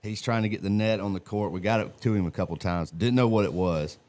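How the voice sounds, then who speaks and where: A man, co-hosting a live stream and telling stories in a colorful, animated way. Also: lowish voice, quick pace, dry recording. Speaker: co-host. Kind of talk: casual live-stream chat and storytelling.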